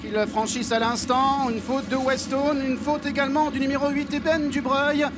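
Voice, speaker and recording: A man's voice: very high voice, level tone, normal speed, very noisy. A man commentating live on a horse race as a race caller, chaining long sentences that track each runner.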